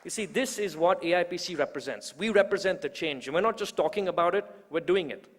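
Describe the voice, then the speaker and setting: Quick and animated, a high-voiced man in his twenties fires up a political gathering as youth organizer, repeating lines emphatically before introducing the main speaker. Some chatter can be heard behind him, and the vast event hall gives a long reverb tail.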